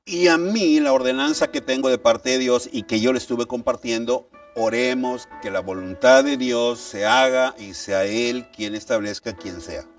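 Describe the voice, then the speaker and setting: A man's voice: mid-range voice, moderate pace, few pauses. A man preaching a sermon. He reads scripture aloud and asks emphatic rhetorical questions. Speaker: pastor. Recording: distant mic, faint background music.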